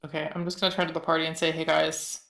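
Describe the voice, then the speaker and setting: Flat, gravelly-voiced woman in a roomy room. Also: sits low, very fast. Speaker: player. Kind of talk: tabletop game role-play. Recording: roomy audio.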